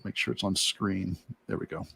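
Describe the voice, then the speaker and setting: Working as an illustrator, this man talks through a casual demonstration in scattered, broken asides. He sits low with fairly even intonation and a moderate pace, and his gravelly voice is fairly bright with a breathy edge.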